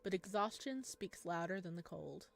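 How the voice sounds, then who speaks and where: A woman with a low, gravelly, expressive voice plays a visual novel at normal speed, reading its narration aloud and adding giggly, informal asides of her own. Game music plays behind her voice.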